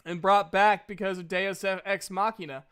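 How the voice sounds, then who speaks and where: This game master guides a tabletop role-playing session with a high, smooth voice at normal speed. He's playful, lively and casual, with a bit of swearing mixed in.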